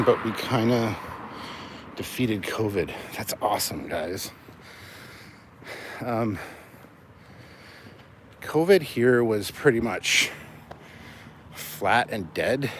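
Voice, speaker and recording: A mid-range-voiced Canadian man hosts a livestream while walking outdoors, a bit out of breath. He rambles casually with viewers, swears, and reads out and answers comments. Vehicle noise runs through the outdoor recording.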